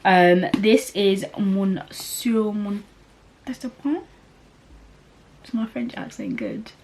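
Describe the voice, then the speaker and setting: A woman's voice: on the low side, sing-song, a little slow, gravelly, darkish tone. A young woman chatting casually about books as a vlogger, rambling along with lots of fillers and laughs. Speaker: book vlogger. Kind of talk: casual chat.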